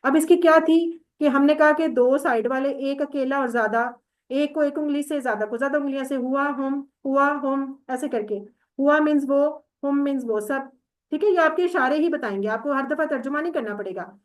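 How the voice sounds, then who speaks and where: A woman's voice: sits high, normal speed. A woman teaching an online class, patiently explaining step by step and quizzing her students.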